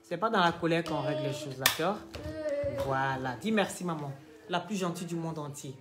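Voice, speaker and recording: A woman hosting a live stream, teasing and scolding commenters in a chatty way and pitching products to viewers. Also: moderate pace. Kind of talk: casual live-stream chat and sales pitch.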